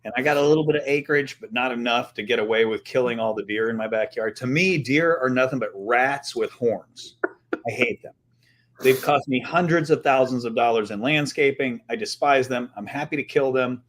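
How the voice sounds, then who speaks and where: A man's voice: medium pitch, normal speed. Casual storytelling man, podcast co-host. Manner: storytelling, laughing and swearing. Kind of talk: casual chat.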